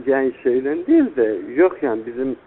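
A young man speaks over a landline phone, the sound thin and narrow like an old telephone recording. His pitch rises and falls a lot as he talks, hesitant and deferential, filling gaps with fillers. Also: big pitch swings, moderate pace, slight background noise. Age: young adult. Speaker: student on a phone call. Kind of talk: private phone conversation. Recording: tinny narrow phone line.

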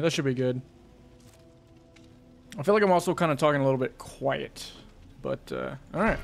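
A man hosts a gaming livestream in relaxed chat. He jokes around and teases his friend in a self-deprecating, offhand way. His voice sits at a middling pitch. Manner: joking, self-deprecating banter. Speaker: streamer.

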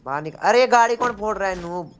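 A young man talks on game voice chat, his voice slightly high. He barks orders and threats at other players. Faint noise sits under his voice. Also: expressive, fast talker, muffled recording. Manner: bossy, yells at others in the game. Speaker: teammate in game.

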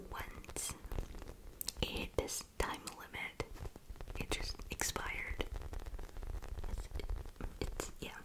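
Young woman in fast, whispered ASMR. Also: low-quality recording. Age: young adult. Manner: soft, unvoiced whisper, gentle rather than aggressive. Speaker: ASMR video creator. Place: small indoor room. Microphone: large foam-covered mic very close to the mouth.

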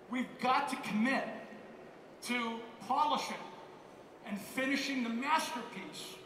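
A man's voice: extremely high pitch, pushed and bright, a little hiss or hum. A man giving an emphatic motivational keynote on a conference stage, repeating key phrases. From United States. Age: 50s. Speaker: keynote speaker. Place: large conference hall on stage. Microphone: headset mic. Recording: roomy hall reverb, heard from far off.

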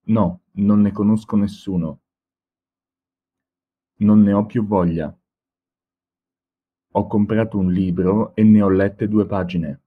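Man, very low voice, husky, slow deliberate reading, dull lo-fi sound. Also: fairly even intonation. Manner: slow, deliberate, carefully spaced. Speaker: language teacher reading examples. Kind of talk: slow read-aloud example sentences.

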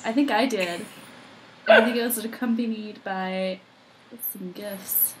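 A young woman vlogger chatting casually, laid-back and quick to laugh. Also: mid-range voice, fairly even intonation. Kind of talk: casual chat on a video call. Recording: faint background noise.

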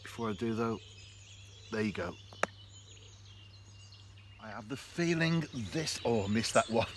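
Speaking to camera while he fishes by a canal, a man with a lowish voice takes an unhurried, relaxed, reflective tone. It's chatty vlog narration, captured by a camera right in front of him. Faint birdsong and countryside sounds come through.

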